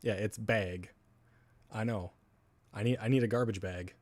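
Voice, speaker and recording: A man's voice: on the low side, fairly even intonation, unhurried, darkish tone, no echo. Laughing Wisconsin streamer man, dry sound. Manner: rambling, laughs often, swears casually. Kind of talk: casual live-stream chat.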